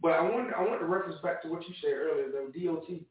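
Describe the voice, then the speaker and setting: A man with a slightly high voice chats casually as a co-host. He sounds distant in a heavily echoing room, through a narrow lo-fi recording. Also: very fast, crowd noise. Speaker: podcast co-host, truck driver. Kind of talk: casual group chat.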